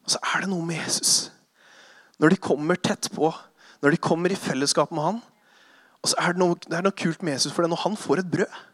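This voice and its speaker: A man preaching a sermon, retelling Bible stories with lively acted-out voices and sudden hushed passages. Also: a little high, dry recording. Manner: animated storytelling, acting out voices, drops to hushed tones.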